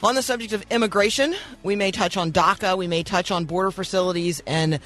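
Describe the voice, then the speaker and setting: A man hosts a morning radio show, his voice high, fairly quick and fairly bright, with faint music in the background. His tone is earnest and encouraging, devotional in feel, and slightly froggy, and he often says "um" and restarts his sentences.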